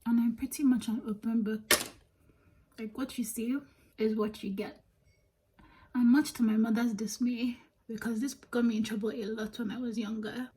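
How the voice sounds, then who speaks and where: A young woman with a Nigerian accent talks straight to the camera as she does her makeup, candid and animated, laughing easily. Her voice sits a little high. She tells it like it is, in a chatty get-ready-with-me style. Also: moderate pace, loud music behind the voice. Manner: candid, animated, laughs often, drops into whispers. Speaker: beauty vlogger.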